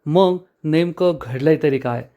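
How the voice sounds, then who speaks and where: A man hosting a TV serial recap, telling the episode's events as a lively storyteller who speaks to his viewers as friends. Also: fairly high pitch, a little slow, highs cut off. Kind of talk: dramatic episode recap narration.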